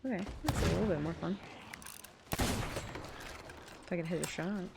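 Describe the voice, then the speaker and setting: A woman's voice: lowish voice, unhurried, vocal fry. A woman streaming a game live, chatting casually and playfully, with sudden yelps and squeals and voice cracks when something startles her. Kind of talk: casual live gameplay commentary. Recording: noisy live stream audio.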